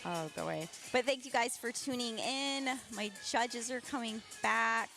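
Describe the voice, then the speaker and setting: A woman's voice: fairly high pitch, steady tone, unhurried. A woman hosting an event stream, explaining things in a conversational, casual way. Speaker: event livestream host. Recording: music playing behind the voice. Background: music.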